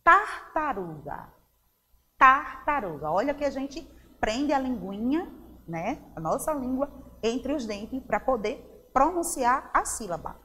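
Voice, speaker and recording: Brief: woman, Brazilian accent, schoolteacher for little kids; slow, patient, pitch leaps around; reverberant room sound. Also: animated. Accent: Brazilian Portuguese. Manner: slow, drawn-out syllable drills with frequent "tá?" checks; warm, encouraging classroom tone to young pupils. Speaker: teacher. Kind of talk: children's phonics lesson.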